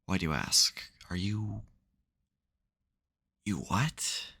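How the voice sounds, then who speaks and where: For an intimate ASMR roleplay, a man voices a male supervillain in a very low, heavily gravelly, creaky register that is sharp and exaggerated. He sounds wry and exasperated yet caring beneath the theatrics, with an uneasy, concerned mood.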